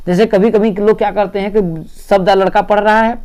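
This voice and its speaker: A man's voice: high voice, steady tone, normal speed, darkish tone. A male teacher giving an exam-prep lecture, explaining step by step and repeating "see" often.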